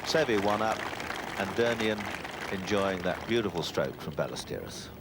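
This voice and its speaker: Low-voiced man commentating over outdoor noise. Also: animated, moderate pace. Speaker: golf commentator. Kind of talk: live sports commentary. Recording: clear outdoor background noise.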